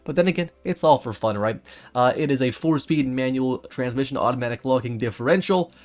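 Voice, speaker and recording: A man's voice: medium pitch, brisk. A man hosting a car build walkthrough, then chatting and laughing with friends while racing in a driving game. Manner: upbeat, laughs often, excitable when startled. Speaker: host.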